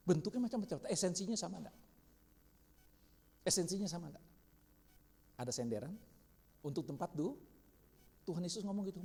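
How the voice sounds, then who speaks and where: A man's voice: high voice, a little mellow, husky. A man teaching a church discipleship class, constantly quizzing his listeners. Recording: reverberant hall.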